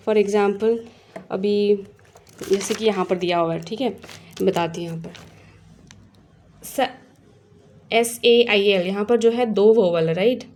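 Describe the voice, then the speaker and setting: A woman explaining a reading lesson for parents in a casual teaching way. She mixes in English words, sounds words out slowly and often checks in with listeners. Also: medium pitch, a little mellow, slight background noise.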